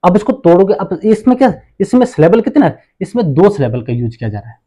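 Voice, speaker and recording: Lively man teaching grammar. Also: high-pitched. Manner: asks rhetorical questions and answers them, repeats words slowly. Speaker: English teacher. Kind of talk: classroom grammar lesson.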